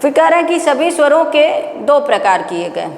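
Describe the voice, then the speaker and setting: A high-pitched woman lectures on grammar for exam students, posing questions to the class and answering them herself. She stretches out example sounds in a slow chant. Her voice rings in a roomy space with a long, lingering reverb. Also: sing-song. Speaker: Sanskrit grammar teacher. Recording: echoey room with long reverb.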